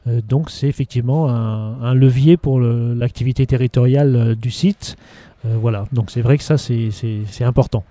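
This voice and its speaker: A man's voice: mid-range voice, fairly even intonation, normal speed, warm tone, no room sound. A middle-aged man from Haute-Savoie, a local official answering interview questions in a hesitant way with many restarts. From Haute-Savoie, France. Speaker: local government official managing outdoor sites.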